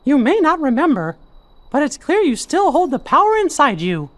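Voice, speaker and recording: A man voicing a small, earnest, kindly cartoon mouse king in a squeaky falsetto for a video game. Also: wildly swooping pitch, moderate pace, a bit bright, heavily acted. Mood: earnest, gentle. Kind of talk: animated video game dialogue.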